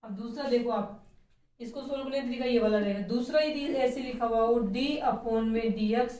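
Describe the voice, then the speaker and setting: A woman's voice: on the high side, steady tone, moderate pace, warm tone, distant mic. Teacher woman, echoey room. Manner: explains step by step and asks rhetorical questions. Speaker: chemistry teacher. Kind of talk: classroom lecture.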